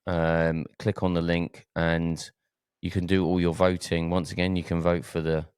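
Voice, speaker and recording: A man's voice: low-pitched, flat delivery, moderate pace, darkish tone, clean tone, dry recording, clean studio sound. A man from Essex with an Essex accent hosting a casual podcast chat, hesitating and repeating words as he goes. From Essex, England. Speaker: podcast host.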